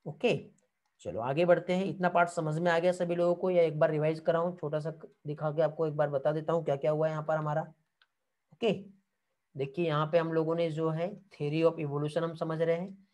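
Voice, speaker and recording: A man's voice: fairly high pitch, level tone, normal speed, a little mellow. A male biology teacher giving an online exam-prep lecture. He calls the students 'beta', checks often whether they follow, and answers their comments. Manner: calls students 'beta', keeps asking 'theek hai'.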